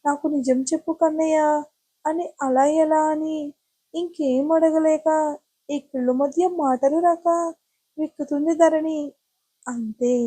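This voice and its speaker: A woman narrating an audio love story with a gentle, expressive touch. Her voice is high and mellow. She reads at an even, storytelling pace. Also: low-quality recording.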